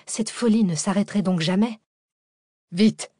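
A woman narrating an audiobook in an even, dramatic storytelling manner, on a close studio mic. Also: lowish voice, moderate pace, no room sound. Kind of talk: scripted narration.

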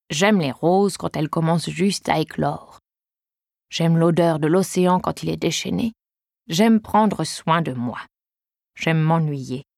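Woman narrator voicing an old lady, 80s, chatty, naive, gentle, audiobook, dry close mic. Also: on the low side, no echo. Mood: tender. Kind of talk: audiobook reading.

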